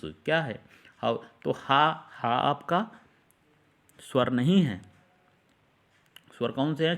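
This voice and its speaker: A man's voice: medium pitch, a bit bright. Man teaching English articles in Hindi. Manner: repeats and quizzes with questions.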